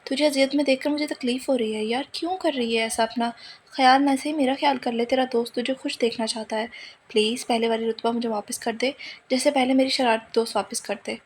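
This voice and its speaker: A man's voice: very high-pitched, steady tone, a little fast, a little hiss or hum. A woman voicing a caring young man who pleads with a close friend in an informal way. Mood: pleading.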